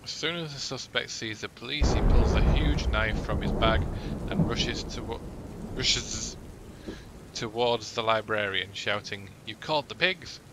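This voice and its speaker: Gamer man narrating his run, low-pitched, over constant hum. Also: fairly even intonation, a little slow. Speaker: gaming YouTuber. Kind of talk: let's play, reading game text aloud.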